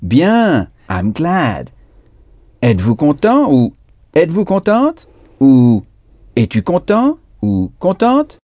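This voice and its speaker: A man's voice: a little high, huge pitch swings, slow pace, warm tone, no room sound. A man teaching a recorded language lesson, patiently repeating words and spelling them out letter by letter.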